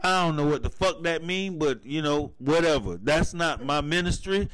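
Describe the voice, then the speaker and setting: A man's voice: fairly high pitch, expressive, moderate pace, a bit bright, no echo. A man guest in casual profane chat, blunt and preachy, tagging "man" onto his lines. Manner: laid-back, blunt, preachy, says "man" a lot.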